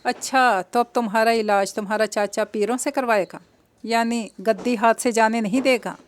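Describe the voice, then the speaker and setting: Woman reading as a sly grown man, wheedling and teasing, fairly high voice. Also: fairly even intonation, moderate pace, slight background noise, natural voice.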